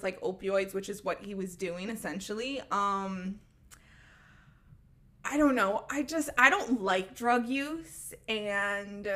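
A young woman with a medium-pitched, fairly bright voice co-hosts a podcast, chatting casually. She uses lots of fillers and laughs often.

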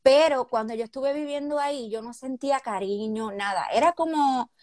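Soft-spoken Puerto Rican woman, candid. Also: sits high, normal speed, no echo, clean studio sound. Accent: Puerto Rican Spanish. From Puerto Rico. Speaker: guest. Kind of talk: casual interview chat.

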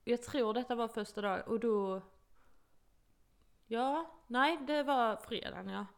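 Gravelly young Swedish woman telling a story. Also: a little high. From Sweden. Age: 20s. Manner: animated storytelling, acting out quotes, laughs often. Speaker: podcast co-host telling an au pair story. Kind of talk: casual chat.

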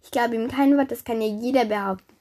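A woman's voice: fairly high pitch, quick pace, a little mellow, pitched above the performer's own voice, natural voice. A woman voicing a frightened young girl who pleads for her father's help. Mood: pleading. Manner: pleading, breathless calling.

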